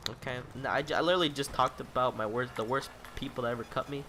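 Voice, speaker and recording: A man's voice: medium pitch, quick pace, background noise. A young man in his late teens ranting in a rambling, exasperated vlog monologue, swearing constantly. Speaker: vlogger.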